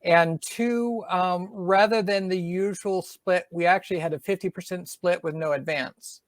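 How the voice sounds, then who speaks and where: A woman's voice: on the low side, a little slow, dry recording. A middle-aged woman from Georgia with a faint Southern accent, an author chatting in an interview, thoughtful, with many fillers and restarts. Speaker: author guest. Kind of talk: casual interview chat.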